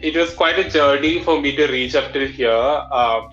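A man speaks English with a clear Malayali accent, telling a personal story as an interview guest. His delivery is halting and conversational. The recording is dull and lo-fi, with music behind him. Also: medium pitch, fairly bright tone. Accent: Malayali Indian English. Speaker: interview guest, drag performer.

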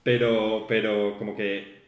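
Speaking slowly in a lowish voice, this podcast co-host jokes around in casual conversation, acting out stories with exaggerated quoted voices. The recording is roomy and echoey, with the highs cut off.

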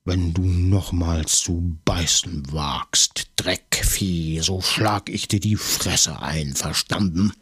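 A man voicing a gruff middle-aged police commissioner in an audiobook, rough and commanding. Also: on the low side, expressive, measured pace, no echo, clean studio sound. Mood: menacing.

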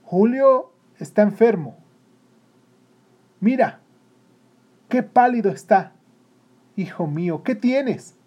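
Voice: medium pitch, animated, takes it slowly, pauses often, dark tone, breathy edge, pitched above the performer's own voice. A narrator voicing a caring mother who speaks in a worried, urgent way.

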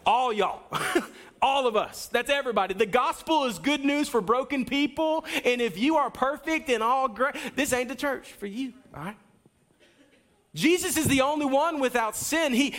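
A man giving a sermon as a pastor, preaching energetically with wide swings in pitch and loudness and talking straight to the congregation. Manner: addresses the congregation directly, with asides and a coaching tone.

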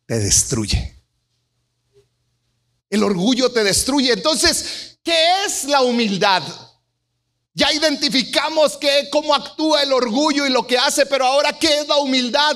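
A middle-aged man preaching a sermon, telling stories and acting out voices with big swings in pitch. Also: animated, moderate pace, fairly bright tone. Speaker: pastor.

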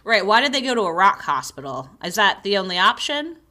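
A woman's voice: medium pitch, very animated, brisk, sharp tone. A woman co-hosting a podcast, chatting casually about a cartoon episode in a laid-back way, laughing often and using many fillers. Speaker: podcast co-host.

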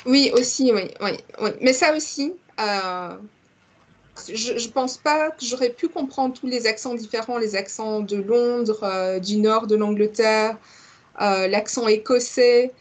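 A woman's voice: a little high, a little slow. A woman who is a podcast guest, talking at length in a chatty, expansive way with many small restarts. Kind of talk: casual podcast conversation.

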